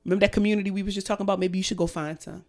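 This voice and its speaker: A woman's voice: medium pitch, fairly even intonation, rapid-fire. Woman on a profane, heated rant. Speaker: podcast co-host. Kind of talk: casual chat.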